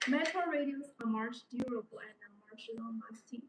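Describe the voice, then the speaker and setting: A young woman who isn't a native English speaker presents a product on a live stream, giving an unscripted, repetitive sales demo at a moderate pace in a fairly high voice. She's in an indoor showroom studio with a desk and backdrop, recorded on a distant mic that sounds roomy, with background noise.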